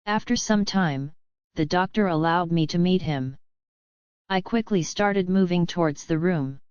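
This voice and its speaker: Low-pitched woman reading a story. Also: smooth, no room sound, highs cut off. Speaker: narrator. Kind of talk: storybook narration.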